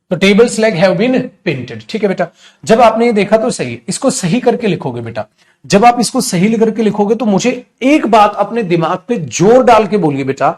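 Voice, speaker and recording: A middle-aged man with an Indian English accent teaches English grammar in a live online class. His voice is high-pitched and a little mellow, and he coaxes his students while posing questions and answering them himself.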